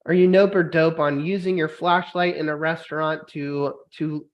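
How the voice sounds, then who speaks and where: A man hosting a podcast. He has been drinking and rants loudly, swearing for comic effect in casual banter. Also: fairly high pitch, fairly even intonation, moderate pace, highs cut off. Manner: loud, profane mock-angry ranting. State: drinking, tipsy. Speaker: podcast host.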